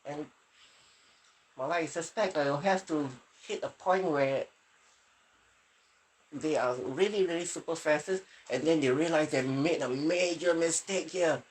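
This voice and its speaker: A woman's voice: deep voice, unhurried, pauses often, rough recording. A woman from Singapore hosting a casual podcast, talking in a sardonic way and laughing often, her voice strained. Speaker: podcast host.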